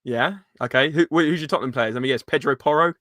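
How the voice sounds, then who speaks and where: A man's voice: on the high side, quick pace, fairly bright tone, dry recording, clean studio sound. A man hosting a casual live football chat in informal, matey slang. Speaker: live stream host.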